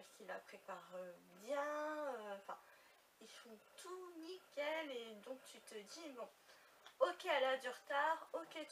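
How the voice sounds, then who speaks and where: A woman's voice: high-pitched, a bit bright. A young woman chatting casually to her viewers while unboxing, with lots of fillers and little asides. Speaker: beauty vlogger. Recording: slightly distant mic with faint noise.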